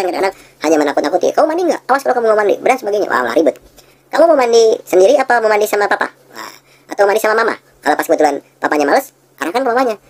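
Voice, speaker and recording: Fast husky low-voiced woman teaching. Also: a little mellow, poor audio. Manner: fast explanatory talk, acts out sales dialogue in high voice. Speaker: NLP instructor. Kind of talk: recorded lesson.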